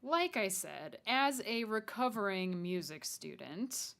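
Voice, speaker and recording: A young adult woman hosts a solo podcast, speaking straight to the listener in a casual, chatty monologue. Her mid-range voice is very animated and a bit bright, with vocal fry, and she takes her time.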